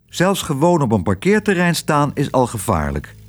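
A man's voice: fairly high pitch, huge pitch swings, moderate pace, pitched above the performer's own voice. A man voicing a sober, practical father in a storybook reading, sighing and glum. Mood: gloomy. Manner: sober and sighing, at times shouting. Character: gloomy, practical father driving a car.

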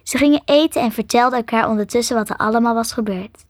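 A woman narrates a storybook in a high, light voice, close to the mic with no room sound around her. She reads the narration evenly and pushes her pitch and volume up when the characters speak. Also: fast talker, dry recording. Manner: lifts her voice higher and louder for excited dialogue. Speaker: audiobook narrator.

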